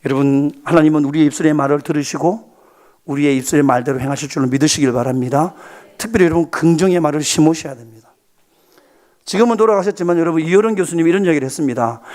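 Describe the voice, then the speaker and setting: A man preaching a sermon as a pastor, lively and questioning, often asking the congregation to answer. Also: a little high, quick pace. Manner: animated, asks the congregation questions, acts out quotes.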